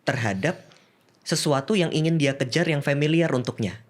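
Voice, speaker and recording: A man's voice: fairly high pitch, normal speed. A man, a psychiatrist guest explaining cases with examples in a casual podcast chat, laughing easily and mixing in English.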